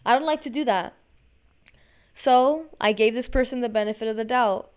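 A woman's voice: a little high, moderate pace, smooth. A woman hosting a podcast, telling a personal story in a rambling, frustrated way, with lots of swearing and slang. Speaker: podcast host. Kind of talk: casual storytelling monologue.

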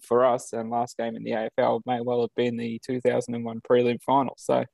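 A man's voice: mid-range voice, monotone, a little fast, vocal fry, darkish tone, dry recording. An Australian man co-hosting a podcast over a video call, chatting casually with lots of ums and uhs. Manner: easygoing, many ums and uhs, chuckles. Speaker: podcast co-host. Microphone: video call setup.

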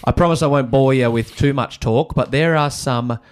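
A man's voice: medium pitch, moderate pace, clean tone. A man with an Australian accent hosting a sports podcast in a casual, slangy, matey way.

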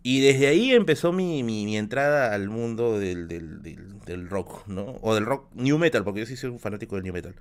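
A man's voice: on the low side, expressive, moderate pace, hardly any pauses, clean tone. A man tells stories to his live-stream chat. He rambles, restarts his sentences and keeps checking in with his viewers. He is getting over a bad flu. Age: 30s. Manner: rambling, many restarts and filler "¿ya?". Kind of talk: casual storytelling on a live stream.

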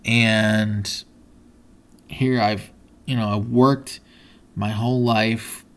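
A man's voice: fairly low pitch, flat delivery, extremely slow, clear, resonant tone. A man hosting a podcast, telling a personal story in an earnest, motivational way, with many fillers and restarts. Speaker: podcast host.

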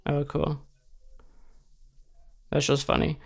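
A woman's voice: low voice, monotone, slow, creaky, husky. A woman interviewing someone in a casual, chatty way. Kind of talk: casual chat.

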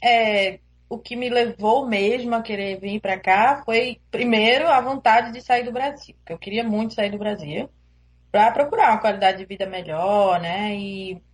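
A woman's voice: mid-range voice, moderate pace. A young woman from Recife with a Pernambuco Brazilian accent, chatting as an interview guest over a remote call, hesitant and laughing easily. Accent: Pernambuco Brazilian Portuguese. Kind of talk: casual interview chat.

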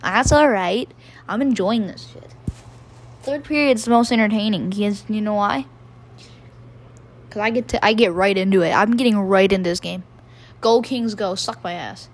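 A woman's voice: mid-range voice, normal speed, long pauses. A woman doing casual amateur hockey play-by-play, profane and rambling, laughing at her own jokes.

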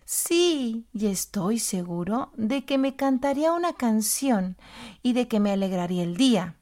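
A woman's voice: on the high side, animated, a little slow, mellow. A woman voicing a lonely little male bird chick in a children's story, asking plaintive questions. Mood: tearful hope.

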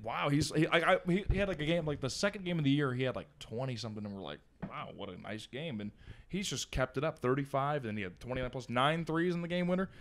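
A man co-hosting a casual sports podcast, crude and teasing, laughing often and getting loud. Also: fairly high pitch, fast talker, a little hiss or hum. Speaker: podcast co-host.

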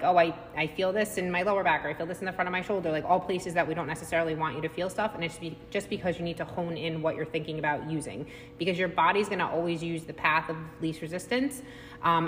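Woman coach chatting in an echoing gym. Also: a bit bright. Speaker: fitness coach co-hosting a podcast. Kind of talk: casual podcast chat. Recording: echoing gym, long reverb, faint rumbling noise.

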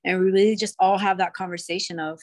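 A woman's voice: mid-range voice, fairly even intonation, fast talker. Young woman from cuba chatting on a podcast, bubbly, rambly, lots of fillers. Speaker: podcast guest. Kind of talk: casual chat.

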